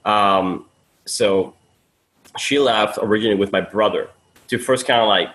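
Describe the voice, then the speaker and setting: Give me a low-voiced, talkative man from Peru as a guest. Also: unhurried, fairly bright tone, poor audio. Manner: talkative, loose and friendly, says "man" and "dude", many fillers and restarts. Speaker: guest, sales funnel coach. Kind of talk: casual podcast interview.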